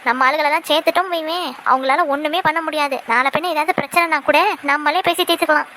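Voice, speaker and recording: A woman's voice: high-pitched, fairly even intonation, quick pace, bright, forceful tone, slight background noise. Woman doing a gossipy food-loving village woman. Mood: chatty. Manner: chatty, gossiping.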